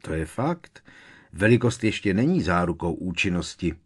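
A man's voice: sits low, big pitch swings, husky, full character voice. A man voicing an eager, playful teenage twin boy in an audiobook. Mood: teasing. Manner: eager, joking.

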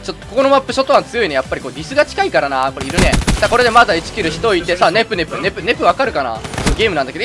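A man doing casual gameplay commentary and chat, chatty, often stammering and restarting, with excited outbursts. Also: fairly high pitch. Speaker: gaming commentator. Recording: loud game music and gunfire behind.

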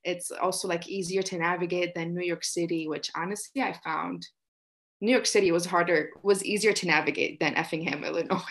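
A woman's voice: on the low side, steady tone, brisk, a bit bright. Chatty young woman from Egypt. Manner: chatty, many fillers like "like". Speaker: guest. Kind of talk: casual interview chat. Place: small room indoors. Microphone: video call.

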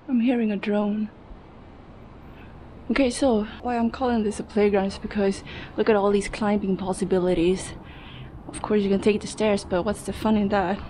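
A young adult woman who makes urban exploring vlogs narrates casually to her handheld action camera in fragmented, think-aloud remarks as she moves through an abandoned steel factory, inside and out. Her voice is medium-pitched, gravelly and warm, with little pitch movement, a moderate pace, and frequent pauses. The action camera audio is noisy.

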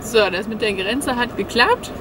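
A woman's voice: on the high side, unhurried, far from the mic, noisy background. A woman on a road trip, chatting cheerfully to the camera from a car and outdoors. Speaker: travel vlogger. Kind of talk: casual travel vlog. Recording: music playing behind.

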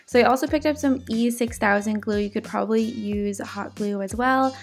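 Indoors at home, a DIY vlogger with a higher-pitched voice talks through her crafts at a moderate pace over faint music. She's sick, so her voice cracks at times, but she stays chatty and upbeat, using lots of fillers.

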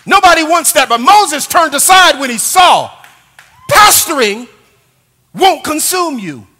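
High, bright-voiced older male preacher. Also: sing-song, measured pace. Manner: humorous, shouting emphasis, call-and-response. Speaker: pastor. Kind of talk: sermon. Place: church sanctuary. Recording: long church reverb.

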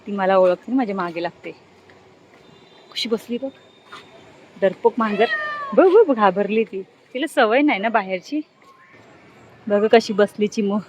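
A woman's voice: mid-range voice, lively intonation, measured pace, pauses often, darkish tone, slight background noise, rough recording. A middle-aged woman vlogging casually outdoors on an open ground, chatty and doting as she coos at her pet cat. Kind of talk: casual vlog chat.

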